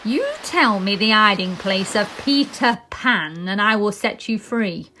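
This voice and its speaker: A woman voicing a scheming male pirate captain with a theatrical, menacing, drawn-out delivery in a storybook. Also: medium pitch, animated, pushed and bright, a little hiss or hum, low-quality recording. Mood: sly.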